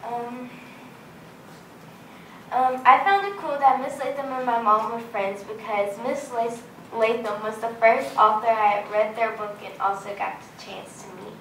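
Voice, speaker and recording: A girl of about twelve reads a novel aloud at a library event, and her reading is earnest and expressive. She is heard from across a roomy space, with faint noise in the background. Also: on the high side, measured pace. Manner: grows expressive and louder while reading. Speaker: student reader. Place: public library event room. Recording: roomy, distant room sound with faint noise.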